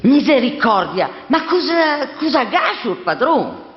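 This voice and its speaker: A woman's voice: high voice, big pitch swings, slow, full character voice. A woman acting a devoted, insistent housekeeper with a Milanese accent, pressing with questions in a theatrical dialect reading. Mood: worried, prying. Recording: muffled, echoing hall.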